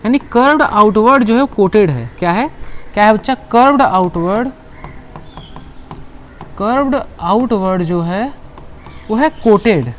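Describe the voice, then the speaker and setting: Male teacher, higher-pitched voice, lectures by quizzing and repeating terms, faint background hum. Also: lively intonation, moderate pace. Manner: asks students questions and answers them himself; repeats key words for emphasis. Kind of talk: online class lecture.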